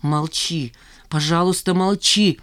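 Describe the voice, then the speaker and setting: A woman's voice: low voice, normal speed, close to an everyday voice. A woman reader voicing a bitter, determined woman in her thirties who speaks coldly and harshly.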